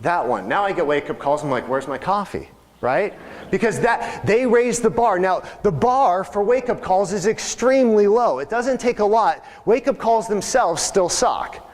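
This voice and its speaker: A man's voice: sits high, expressive, normal speed. A man leading a live real estate sales training, talking conversationally and asking the audience questions. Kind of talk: live training seminar talk. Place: training room with reverb. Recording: live room recording with long reverb.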